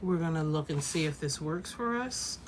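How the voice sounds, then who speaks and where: Woman, quilting teacher, lowish voice, casual and reassuring, faint background noise. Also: lively intonation, moderate pace. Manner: chatty, reassuring, thinks aloud while working. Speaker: quilting instructor. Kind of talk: casual live tutorial.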